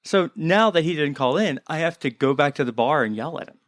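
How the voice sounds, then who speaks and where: A man's voice: fairly high pitch, animated, brisk, a bit bright, no room sound. Teasing Baltimore man, dry close sound. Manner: joking, teasing banter. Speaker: podcast host. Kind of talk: casual chat.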